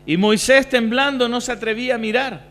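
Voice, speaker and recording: A male pastor preaching a sermon, moving between quiet passages and loud, emphatic bursts. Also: very high voice, brisk. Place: church hall. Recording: reverberant church hall, faint hum.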